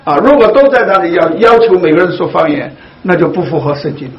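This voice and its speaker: Man, Bible study leader, high voice, slow deliberate teaching, many fillers, dull lo-fi recording. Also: expressive. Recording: dull lo-fi recording, faint hiss.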